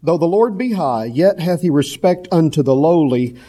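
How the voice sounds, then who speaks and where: A man delivers a sermon in a fairly high voice with a soft, mellow tone. He builds emphatic, repeated phrases and slows right down when he quotes scripture. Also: expressive. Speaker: preacher.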